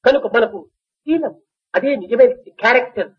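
A man's voice: very high voice, animated, normal speed, dull audio. A man giving a spiritual discourse, preaching in rhythmic phrases that rise into exclamations. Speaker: spiritual speaker. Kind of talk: Telugu discourse.

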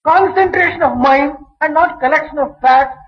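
A man translating a spiritual discourse line by line, in measured, deliberate phrasing. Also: very high-pitched, muffled recording. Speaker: interpreter.

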